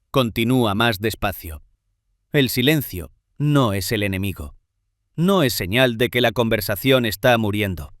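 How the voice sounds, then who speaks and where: A man giving scripted narration in measured, short phrases with pauses. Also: medium pitch, no room sound, studio quality.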